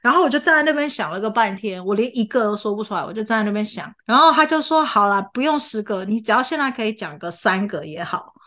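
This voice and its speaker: A woman's voice: fairly high pitch, lively intonation, quick pace, few pauses, bright, forceful tone. A young woman hosting a casual chat podcast, laughing often as she tells a story and acts out the people she quotes. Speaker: podcast host. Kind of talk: casual chat between friends.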